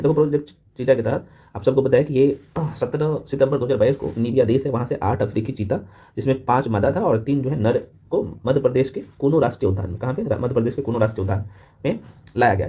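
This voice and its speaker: Male exam tutor, fast-paced and a bit husky, informal, matey, peppering the lecture with quick check-in questions. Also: mid-range voice, mellow. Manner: rapid-fire delivery peppered with short check-in questions. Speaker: teacher of a current affairs exam class. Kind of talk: fast revision lecture to camera.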